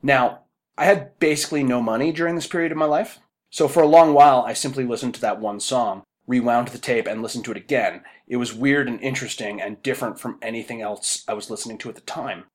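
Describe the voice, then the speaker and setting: Podcast host guy, 30s, even wry tone, reads his bit like an essay, medium pitch. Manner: measured, wry, essay-like delivery. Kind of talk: podcast talk with a written monologue.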